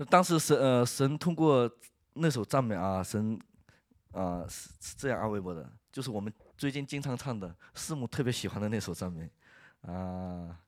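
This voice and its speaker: A man, a worship leader, giving an earnest church testimony, telling his story with laughs and halting restarts. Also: on the low side, dry recording, studio quality.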